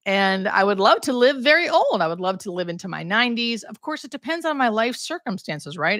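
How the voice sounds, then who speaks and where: A woman's voice: lowish voice, a bit bright, no echo, clean studio sound. A woman talking candidly and conversationally as a hospice nurse hosting a casual livestream, thinking aloud as she answers questions.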